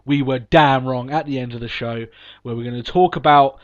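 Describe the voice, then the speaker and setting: Sniffling through a cold, this podcast host talks at a normal speed in a medium-pitched, steady voice. His casual chat is upbeat and meandering, full of ums and false starts, captured on a dull lo-fi recording.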